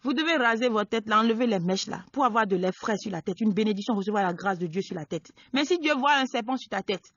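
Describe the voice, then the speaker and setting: A woman preaching a sermon. She exhorts her listeners, swinging between loud emphatic peaks and low quiet asides. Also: lively intonation, fast talker, dry recording. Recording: dull lo-fi dry recording.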